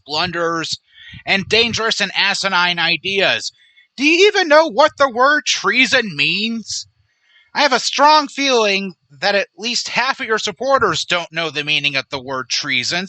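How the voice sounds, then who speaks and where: Indignant podcast guy, higher voice, really bright and sharp, dry mic. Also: no room sound, low-quality recording. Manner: sarcastic, indignant. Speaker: podcast host. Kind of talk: political commentary podcast.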